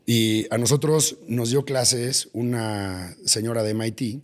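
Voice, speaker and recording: A man's voice: medium pitch, fairly even intonation, unhurried. A man hosting a podcast conversation, explaining things at length with hesitant fillers. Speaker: podcast host.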